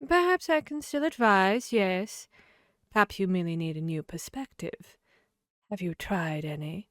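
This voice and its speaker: A woman's voice: mid-range voice, expressive, no room sound, clean studio sound, close to an everyday voice. A woman voicing a grinning, fickle cat from Wonderland, playful and riddling, in an ASMR fantasy roleplay. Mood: coy, riddling. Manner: slow, playful, riddling drawl. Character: grinning Cheshire cat, teasing, fickle, mad Wonderland creature.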